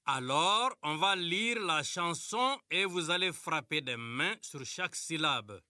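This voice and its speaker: A man teaching a class, giving clear and encouraging instructions. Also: fairly high pitch, lively intonation, takes it slowly, bright, forceful tone, dry recording, studio quality.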